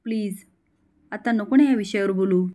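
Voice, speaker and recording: A woman voicing a gentle middle-aged father who talks to his daughter in a soft, coaxing way. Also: medium pitch, normal speed, close to an everyday voice. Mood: pleading.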